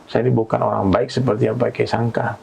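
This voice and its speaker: A man voicing a young male thief who confesses tearfully and pleads slowly. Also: medium pitch, flat delivery, creaky, a little mellow, a little hiss or hum. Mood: remorseful.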